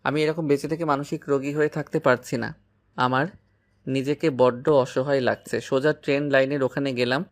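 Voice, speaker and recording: A man's voice: mid-range voice, steady tone, normal speed. A man narrating a dramatic first-person audio story, anxious and despairing.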